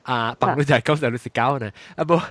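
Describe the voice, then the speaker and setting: A man hosting a casual chat, telling a ghost story in an animated way, laughing often and mixing in English words. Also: medium pitch, fast talker, no room sound. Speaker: host.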